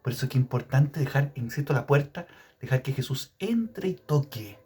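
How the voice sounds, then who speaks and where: A man's voice: mid-range voice, breathy edge. A man preaching a Gospel reflection. He asks his listeners questions and stretches out the words he wants to stress. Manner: expressive, questioning, drawn-out emphasis. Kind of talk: sermon-style Gospel reflection.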